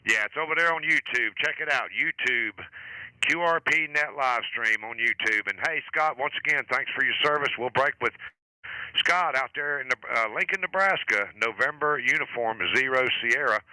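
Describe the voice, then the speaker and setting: A man's voice: mid-range voice, normal speed, sharp tone, smooth, no echo, low-quality recording. A man from the United States hosting an amateur radio net, chatting informally and chummily with radio sign-offs.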